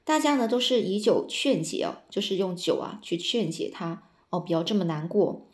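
A woman casually retelling a classic novel, explaining each old line in plain words with many drawn-out particles and restarts. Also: medium pitch, animated, darkish tone. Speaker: storyteller.

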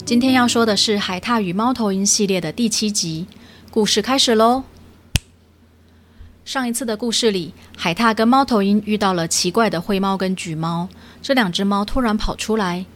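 A woman storyteller narrating a children's story, addressing the young listeners in a gentle, clear way. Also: mid-range voice, normal speed, a little hiss or hum.

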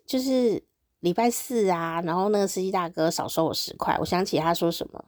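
Her voice fairly low and her delivery fairly quick, a woman with a Taiwanese Mandarin accent runs her own show, recounting everyday happenings in a casual monologue. She's talkative, upbeat and amused easily. The audio is studio quality with no echo.

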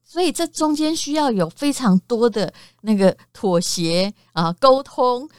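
A woman's voice: on the high side, lively intonation, smooth, no room sound. Woman, middle-aged, podcast host, candid casual chat, dry close sound. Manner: candid, chatty, sprinkles sentences with drawn-out particles.

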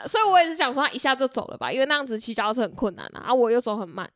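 A young Taiwanese woman rattles through a story at high speed in a fairly high voice. She is animated and repeats words as she goes. The sound is dry and close. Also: very fast, dry recording. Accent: Taiwanese Mandarin. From Tainan, Taiwan. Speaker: podcast co-host. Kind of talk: casual storytelling chat.

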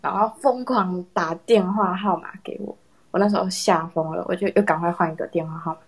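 A young woman casually telling a personal story in a chat with friends, animated and laughing often. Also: on the low side, fairly quick, breathy edge. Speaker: storyteller in a horror story contest.

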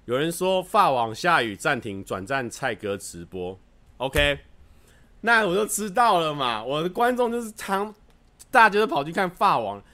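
Playful man chatting on a livestream. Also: fairly high pitch. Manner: animated storytelling, acting out scenes; playful, self-mocking humor. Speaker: livestream host. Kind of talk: casual chat with live viewers.

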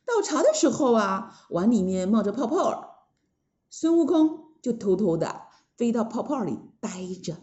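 Animated woman telling a children's story. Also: fairly high pitch, normal speed, echoey room, highs cut off. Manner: animated, exclaiming.

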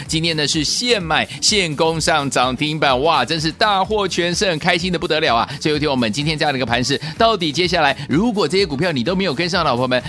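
A male radio host with a Taiwanese Mandarin accent delivers excited infomercial hype. His voice is fairly high and very bright, pushing stock picks with salesy exclamations and rhetorical questions. Light music plays behind him. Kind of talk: infomercial-style stock show hosting, hyping picks to listeners.

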